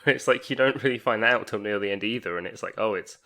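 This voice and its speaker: A man's voice: lowish voice, rapid-fire, sharp tone. A man co-hosting a podcast, joking and laughing often in a casual film chat. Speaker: podcast co-host.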